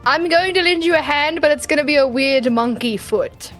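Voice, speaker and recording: Casting: woman, tabletop player, high voice, quick teasing comebacks, faint music under. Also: a bit bright. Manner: teasing, quick, giggly retorts. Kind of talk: casual streamed tabletop game chat.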